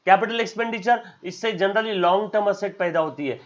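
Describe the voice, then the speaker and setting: Here a man with an Indian accent lectures on accounts as if in a classroom, speaking a little fast in a high voice over a muffled recording. He keeps repeating the key terms, asks "yes or no?" again and again, addresses students as "beta," and plays out their questions himself.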